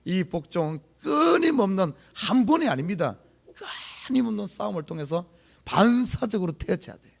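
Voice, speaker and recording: Animated Gyeongsang-accented pastor preaching. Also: male voice, high voice, moderate pace, vocal fry. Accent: Gyeongsang Korean. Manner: emphatic, repeats key words for stress; asks the congregation rhetorical questions. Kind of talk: sermon. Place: church sanctuary.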